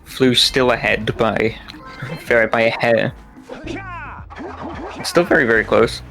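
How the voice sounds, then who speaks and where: A man's voice: medium pitch, steady tone, unhurried, a bit bright, soft background music. A young man chatting casually as co-commentator of a video game speedrun race.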